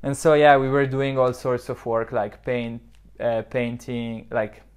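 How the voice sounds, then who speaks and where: Unhurried and clean-toned, the mid-range voice of this southern Swiss founder in his twenties barely moves in pitch. He reflects aloud in a podcast interview with plenty of fillers and restarts, recorded via lapel mic in a modern office lounge indoors.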